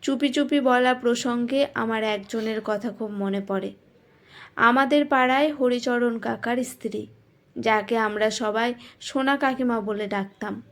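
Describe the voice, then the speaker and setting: A woman's voice: fairly high pitch, a little slow. A woman narrating a first-person story in a reflective, self-mocking way.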